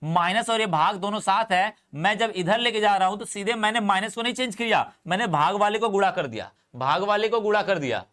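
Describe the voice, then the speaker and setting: Guy teaching chemistry online, high voice, keeps repeating stuff and coaxing the kids. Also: animated, fairly quick, hardly any pauses, fairly bright tone. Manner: affectionate, repetitive coaxing of students. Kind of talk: online coaching class lecture.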